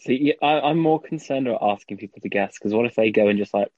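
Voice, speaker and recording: A man co-hosting a podcast, wry and quick to laugh in casual chat. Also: lowish voice, a little mellow, dry recording. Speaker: podcast co-host. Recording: dull lo-fi dry recording.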